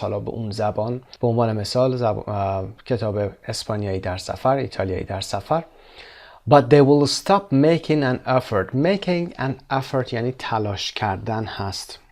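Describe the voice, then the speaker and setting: A man working through a textbook lesson. His voice sits at an ordinary middle pitch. He reads the English out slowly, then races through the explanations. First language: Persian. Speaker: English teacher.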